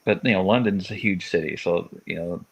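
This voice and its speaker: Here a podcast co-host in his forties from Louisville, Kentucky, talks fairly quickly in a low-pitched, creaky, husky voice. The recording quality is low. His casual live-stream chat rambles along, stop-start, with frequent restarts.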